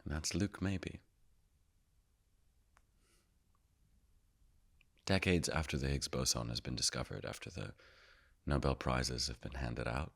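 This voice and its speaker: An actor playing the Higgs boson as a calm, all-knowing narrator, telling his story in a measured way and sinking often into hushed whispers. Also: rumbling low, creaky, full character voice. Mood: wry storytelling. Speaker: actor performing a stage monologue. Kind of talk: theatrical monologue.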